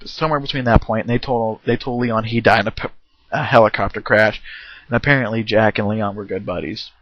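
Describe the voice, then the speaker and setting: Male home game reviewer, casual and rambling, throat-clearing, lo-fi dry recording. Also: lowish voice, fairly even intonation, a little fast, dry recording. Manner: rambling, with many fillers and restarts.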